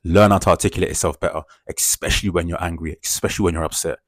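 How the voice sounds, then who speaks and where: A man's voice: sits low, steady tone, racing, no echo, studio quality. A man giving an emphatic, repetitive motivational talk, filling gaps with "yeah" and "bro". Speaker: self-improvement speaker.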